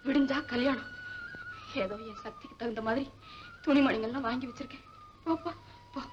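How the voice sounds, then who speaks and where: A woman's voice: high-pitched, wildly swooping pitch, a little fast. Older doting mother in an old film. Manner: doting, bossy, shooing. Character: older mother fussing over her son-in-law before a wedding. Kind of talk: 1960s Tamil film acting. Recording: dull old film soundtrack with music.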